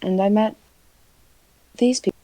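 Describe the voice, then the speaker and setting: A woman telling a story in character during a tabletop game, heard over an online call whose audio keeps breaking up. She talks in halting pieces with many pauses. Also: medium pitch, fairly even intonation, warm tone, no room sound. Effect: glitchy call audio that keeps breaking up.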